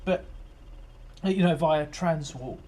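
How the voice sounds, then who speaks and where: A man's voice: fairly high pitch, slow pace, mellow, slight background noise. A man giving a casual, rambling overview of an episode as host of his fan series, full of fillers and restarts.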